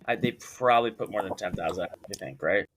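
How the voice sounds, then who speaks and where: A man's voice: sits low, quick pace, background noise. A man in his thirties co-hosting a casual podcast, rambling and self-deprecating, often restarting his sentences. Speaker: podcast co-host. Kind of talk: casual chat.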